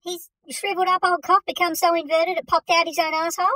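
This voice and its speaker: A man's voice: very high-pitched, flat delivery, fast, bright, forceful tone, no echo, poor audio. A man playing a crude, joking middle-aged uncle in a comedy skit, smug and gleefully vulgar.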